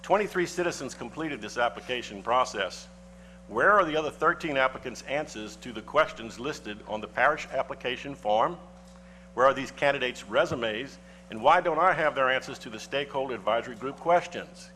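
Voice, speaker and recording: A parish council member, a man with a mid-pitched voice, reads a prepared objection at a council meeting. His delivery is formal and deliberate, heavy with legal citations. A faint hum runs under the broadcast recording. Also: animated, pushed and bright. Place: council chamber.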